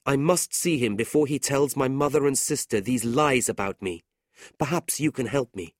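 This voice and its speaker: A man reads a storybook passage in the voice of a proud, honest young man, earnest and quick to flare with indignation. At medium pitch and normal speed, he pitches himself above his own voice while still sounding natural. The recording is clean studio sound with no echo.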